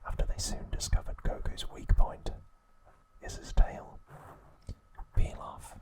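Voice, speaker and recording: With a breathy, voiceless whisper, a man walks through an episode recap ASMR-style. His short phrases are broken up by deliberate pauses.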